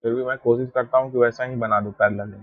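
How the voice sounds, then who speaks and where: This math teacher, a man with a medium-pitched voice, talks fast while drawing, explaining steadily and checking comprehension with frequent "ठीक है"s. The audio is close-miked, echo-free, narrow and tinny.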